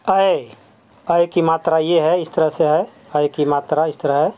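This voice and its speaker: A school teacher leads a classroom lesson on letters and sounds, speaking at a mid pitch with an unhurried, deliberate pace and a steady, warm tone. She explains step by step, saying every term twice and mixing in English words. She fires quick questions at the class and answers them right away.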